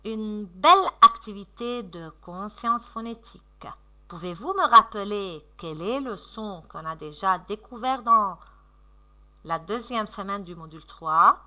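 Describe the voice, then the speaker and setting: A woman teacher recording a lesson for young children, slow, sing-song and encouraging, stretching out her words. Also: medium pitch, lively intonation, bright, forceful tone.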